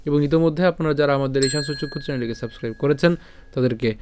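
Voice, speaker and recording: A man with a Bengali accent teaching scripture pronunciation, breaking verses into syllables, asking rhetorical questions and chanting lines slowly. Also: medium pitch, noisy background. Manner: patient, repeats syllables and asks rhetorical questions.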